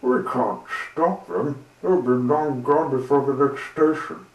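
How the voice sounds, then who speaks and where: A man voicing an excitable, indignant locomotive fireman in a storybook reading. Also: medium pitch, unhurried, pitched above the performer's own voice, close to an everyday voice. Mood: urgent. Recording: roomy with faint hiss.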